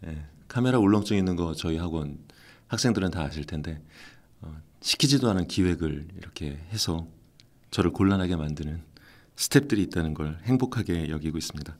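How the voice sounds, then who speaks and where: A man's voice: low voice, a little fast. A middle-aged man, a voice actor who runs an acting academy, answering interview questions in a casual way and acting out the lines he quotes. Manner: animated storytelling, acts out quoted lines.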